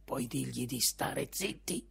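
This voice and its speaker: A man voicing a disapproving, alarmed middle-aged mother with a high, shrill, exclaiming voice. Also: lively intonation, takes it slowly, creaky, a bit bright, slightly rough, heavily acted.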